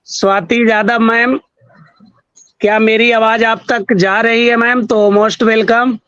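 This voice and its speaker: A man hosts an online session in a high, unhurried voice, politely thanking and welcoming each speaker. The sound is dry and somewhat muffled. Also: level tone, a bit bright, clean tone, dry recording. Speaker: host.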